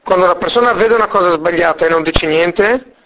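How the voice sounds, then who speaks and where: Man, religious teacher, animated storyteller, high voice, muffled lo-fi recording. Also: a little fast. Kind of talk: storytelling lesson.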